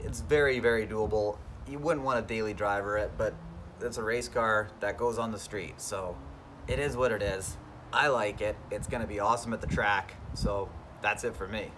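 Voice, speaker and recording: A man's voice: lowish voice, steady tone, normal speed, noisy background. A man in his thirties hosting a casual garage vlog, talking through car work in a laid-back, enthusiastic way, filmed on a phone at arm's length. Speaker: car channel host. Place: home garage under a car, indoors. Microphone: phone camera at arm's length.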